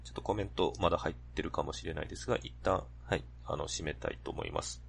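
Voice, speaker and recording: A man's voice: low-pitched, fast talker, gravelly, slight background noise. A man co-hosting a podcast, listening with short acknowledgements, then wrapping up the episode. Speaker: podcast co-host. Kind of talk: casual podcast talk.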